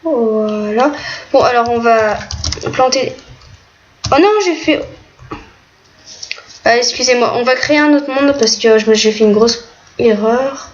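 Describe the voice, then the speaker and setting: A woman's voice: on the high side, measured pace, pauses often. A woman giving casual, hesitant commentary while playing a game, with many fillers. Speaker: gaming video creator. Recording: muffled lo-fi mic, faint noise, keyboard clicks.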